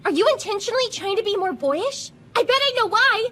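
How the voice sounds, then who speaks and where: A woman in an English anime dub voicing a girlish, affectionate teenage daughter with a gushing, expressive delivery. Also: very high voice, fairly quick, very noisy. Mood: teasing doubt. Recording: music behind the voice.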